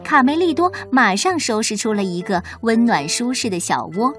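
A woman hosting and reading a children's bedtime story aloud, gentle and expressive. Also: a little high, normal speed, soft background music.

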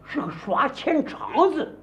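A man's voice: very high voice, very animated, slow, vocal fry, fairly bright tone, slight background noise. A man performing comic crosstalk as a boastful, naive country bumpkin telling his tale, stammering now and then. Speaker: lead comic in a crosstalk duo.

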